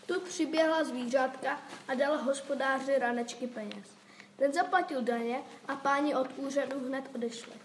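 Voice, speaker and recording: High-voiced woman narrating a fairy tale. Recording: echoey room, faint noise.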